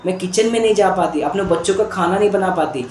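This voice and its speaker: Speaking quickly in a high, darkish voice, a man takes on the role of a middle-aged mother, scared and in tears, pleading anxiously with her doctor and repeating her fears in a breathless rush. The performance is lightly acted. There's reverb on the recording and a little hiss or hum.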